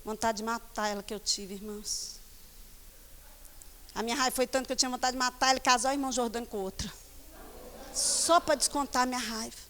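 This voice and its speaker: A woman pastor with a Brazilian Portuguese accent, preaching a sermon in a church hall and moving between animated storytelling and scolding the congregation. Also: a little high, brisk, pauses often. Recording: long church reverb.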